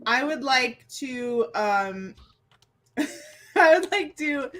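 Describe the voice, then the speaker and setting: A woman playing a tabletop role-playing game who speaks hesitantly and haltingly, with many fillers. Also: high-pitched, lively intonation, a bit bright. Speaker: player. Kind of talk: tabletop role-play chat.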